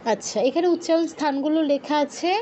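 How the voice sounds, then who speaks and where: High-voiced woman teaching pronunciation. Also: brisk, warm tone, a little hiss or hum. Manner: patient, corrective, repeats sounds for the student. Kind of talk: online pronunciation lesson.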